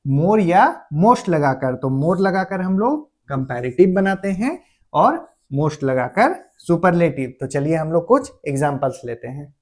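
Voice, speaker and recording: This male teacher's voice sits a little high, with a sing-song lilt and a darkish tone. He walks through grammar patiently, classroom-style, frequently pausing to dictate single words and making sure his audience is following.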